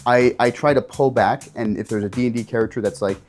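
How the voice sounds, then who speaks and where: A man, a game master, teaching tabletop players how to do voices in a casual instructional video, jumping his pitch up and down to demonstrate. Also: quick pace, faint music behind. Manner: animated, jumps pitch up and down to demonstrate.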